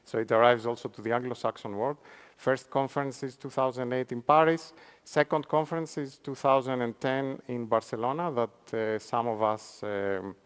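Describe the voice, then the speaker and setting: A man's voice: mid-range voice, steady tone, moderate pace, clear, resonant tone. A man with a Spanish accent speaking on a conference panel, lecturing with frequent fillers and restarts. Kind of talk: academic panel talk. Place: conference hall.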